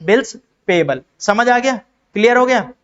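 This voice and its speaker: His voice is very high, fairly bright, and lively in intonation, though the highs are cut off. The Indian accounting teacher quizzes his class, supplies the answers, hammers key terms, and performs quick dialogues in different voices.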